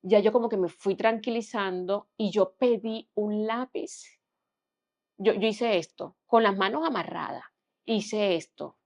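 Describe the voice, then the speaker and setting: Gravelly-voiced young woman telling her story. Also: mid-range voice, unhurried. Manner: earnest, often dropping to a hushed tone. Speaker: podcast guest. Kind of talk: personal testimony in conversation.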